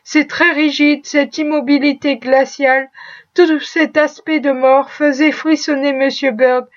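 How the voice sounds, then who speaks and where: Brief: female audiobook narrator, high voice, measured and expressive, muffled lo-fi recording. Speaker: audiobook reader. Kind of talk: scripted narration.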